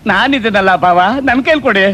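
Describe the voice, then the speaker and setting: An actor playing a whining, scheming middle-aged uncle who wails melodramatically. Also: male voice, high-pitched, animated, fast, a bit bright, soft background music. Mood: wailing. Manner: melodramatic wailing. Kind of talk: film drama dialogue.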